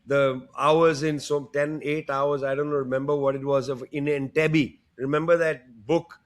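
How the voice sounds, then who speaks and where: Male guest analyst, higher-pitched voice, casual rambling delivery. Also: flat delivery, a little slow. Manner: conversational, leans on "you know", restarts phrases. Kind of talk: political discussion.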